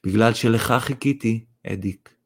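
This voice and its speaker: A man voicing a shy, gentle young village woman who speaks softly. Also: on the low side, natural voice. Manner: soft, gentle.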